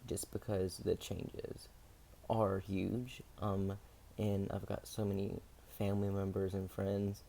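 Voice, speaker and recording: A young adult man speaking candidly in a personal video diary, hesitant, with many pauses and fillers. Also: low voice, monotone, gravelly, mellow, a little hiss or hum. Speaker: vlogger.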